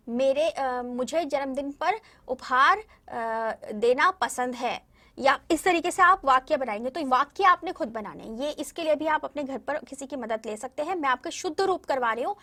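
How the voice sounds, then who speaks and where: A woman's voice: sits high, sharp tone. A woman teaching a primary school language lesson, patiently explaining step by step to young children and checking often that they follow. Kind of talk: recorded classroom lesson addressing children.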